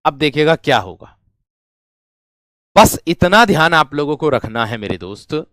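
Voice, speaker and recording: A man's voice: a little high, big pitch swings, a little slow, fairly bright tone, no room sound, studio quality. A man teaching a grammar lesson to students, repeating each phrase again and again and calling them his friends and brave ones. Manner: repetitive, drills each phrase over and over. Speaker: Hindi teacher.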